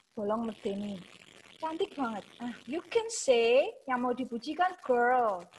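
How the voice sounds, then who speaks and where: A woman teaching an online English lesson, mixing English into her explanations and slowing down to model example phrases. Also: high-pitched, low-quality recording.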